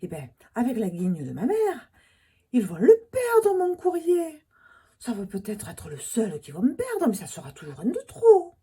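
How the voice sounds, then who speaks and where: A woman with a strong Toulouse accent talks to her viewers in a wry, chatty comic monologue. Her voice is husky and dark, set low, yet it leaps up and down with lively melody. She often sinks into conspiratorial whispers between jokes. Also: moderate pace, few pauses. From Toulouse, France. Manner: ironic, chatty, drops into whispered asides. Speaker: vlogger. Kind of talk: humorous monologue to camera.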